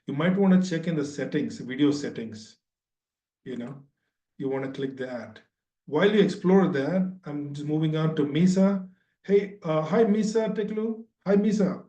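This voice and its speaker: A man hosting an online training webinar greets each attendee by name in a friendly, upbeat way, speaking at normal speed in a mellow, fairly high voice. The video-call audio is roomy, distant and dull.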